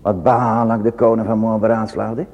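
A man's voice: lowish voice, level tone, moderate pace, long reverb tail, muffled recording. A man preaching a sermon, pressing his point with repeated rhetorical questions.

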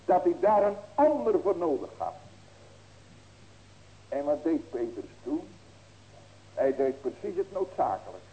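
A male pastor preaching a sermon, asking rhetorical questions and breaking into loud raised cries. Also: on the high side, big pitch swings, unhurried, long pauses, low-quality recording.

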